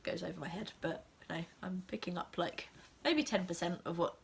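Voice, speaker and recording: A young woman with an English accent talks casually to camera while sick with a cold. Her voice sits slightly low. She rambles along with frequent ums and drops into soft, half-whispered asides. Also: a little fast, vocal fry, a little hiss or hum. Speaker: assistant language teacher and vlogger.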